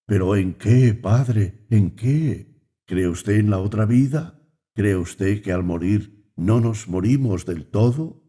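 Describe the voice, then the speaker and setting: Man voicing a devout questioning young woman, low husky voice, slow. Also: mellow. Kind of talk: audiobook reading.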